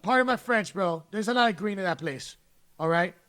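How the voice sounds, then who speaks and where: A man co-hosting a podcast, joking around in loose, excited banter. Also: sits high, fairly quick. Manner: joking, hypes up the others, says "like" a lot. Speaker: podcast co-host.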